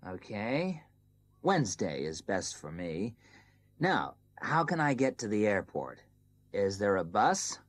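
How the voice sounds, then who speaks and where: A woman voicing a customer asking about a trip in a scripted listening-test recording, with a measured, careful delivery. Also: rumbling low, very animated, no room sound, exaggerated voice. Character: female customer planning a trip.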